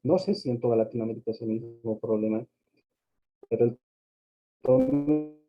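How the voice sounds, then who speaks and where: A man's voice: medium pitch, big pitch swings, moderate pace. A man lecturing on accounting over a choppy, crackly microphone line, hesitant and full of fillers and tag questions. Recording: dull lo-fi sound, faint music behind.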